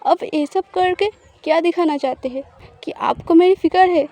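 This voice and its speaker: A woman reads out a wounded, defiant young bride in an audio story, her high voice pushing back in bitter protest. The tone stays mellow and soft-edged even when she pleads. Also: moderate pace, soft background music. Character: hurt, defiant young woman resisting her new spouse.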